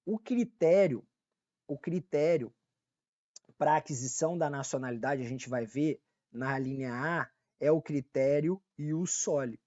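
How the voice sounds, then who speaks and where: Fairly high and warm, this man's voice moves a little slowly, recorded lo-fi with no echo. He's a law teacher with a Brazilian Portuguese accent, casually delivering an online exam-prep lecture full of repetition, check-ins with listeners and self-corrections.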